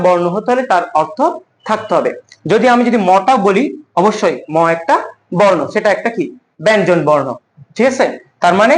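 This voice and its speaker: A young man teaching a lecture, asking questions and answering them himself. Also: high-pitched. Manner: repeats key words slowly for emphasis. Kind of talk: classroom lecture.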